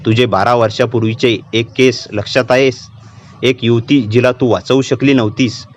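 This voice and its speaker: A man's voice: mid-range voice, moderate pace, a little hiss or hum, natural voice. A man voicing a young girl possessed by a vengeful female spirit, speaking in a cold, taunting way. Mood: menacing. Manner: cold, menacing, calmly taunting. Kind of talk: storytelling narration.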